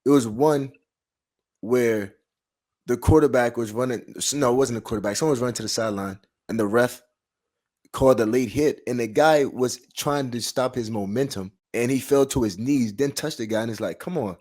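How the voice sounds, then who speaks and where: A man's voice: mid-range voice, normal speed, darkish tone. A man co-hosting a sports podcast, chatting casually in a blunt, slangy way. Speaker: podcast co-host. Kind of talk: casual sports commentary chat.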